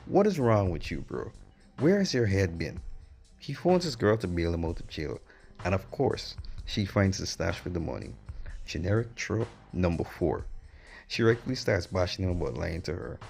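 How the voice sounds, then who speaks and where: A man with a low, gravelly voice rolls through a film recap, blunt and mocking, dropping slang as he goes. Faint music sits beneath his commentary. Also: big pitch swings, normal speed, a little mellow. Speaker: movie reviewer. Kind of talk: sarcastic movie review commentary.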